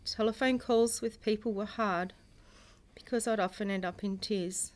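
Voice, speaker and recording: A middle-aged woman, a bereaved mother reading a prepared personal statement in a solemn, measured way, in grief. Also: medium pitch, fairly even intonation. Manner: solemn, measured delivery in short phrases. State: grieving.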